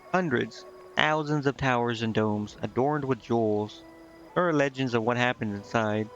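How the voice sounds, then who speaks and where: In a muffled recording, a man with a mid-range, fairly bright voice reads out game dialogue while streaming and tosses in casual commentary. He stumbles here and there over the text and goes back to correct himself, with game music behind.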